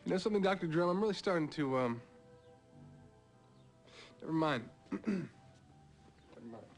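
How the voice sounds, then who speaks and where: An actor playing a touchy, awkward doctor in a TV comedy-drama, halting and defensive as he holds himself back. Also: a little high, expressive, soft background music, lightly acted. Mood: awkward, irritated. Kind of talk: naturalistic TV comedy-drama acting.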